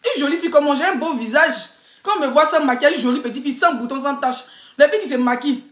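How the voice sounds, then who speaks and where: Woman, high voice, laughing, teasing, echoey room. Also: quick pace, fairly bright tone. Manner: chatty, laughing, teasing and ranting. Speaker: blogger and influencer. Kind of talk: casual live stream chat. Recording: roomy echo.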